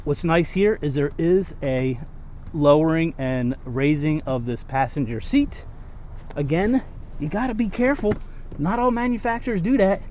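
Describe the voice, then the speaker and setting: A man with a somewhat higher-pitched voice talks through a casual car review. He is conversational and opinionated, repeating words to stress a point. The binaural recording carries noticeable background noise from the car and its surroundings. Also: animated, moderate pace, darkish tone. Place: in and around a car. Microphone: binaural microphones.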